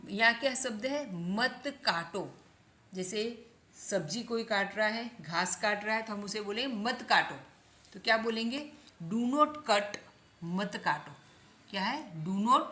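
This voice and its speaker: A woman from India, teaching English phrases slowly and patiently, repeating each phrase and quizzing the listener with questions. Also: mid-range voice, fairly bright tone. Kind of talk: slow classroom-style explanation.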